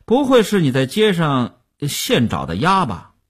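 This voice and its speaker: A man's voice: on the high side, huge pitch swings, unhurried, slightly rough, exaggerated voice. A man voicing an angry, jealous man who hurls mocking, insulting questions. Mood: suspicious. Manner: shouting accusations, mocking questions.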